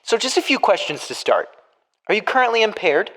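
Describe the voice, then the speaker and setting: A man's voice: sits high, very animated, a little fast, sharp tone, voice pushed up, full character voice. A man reading the part of a formal prison interviewer in a murder mystery game, sticking to scripted questions. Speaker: podcast host.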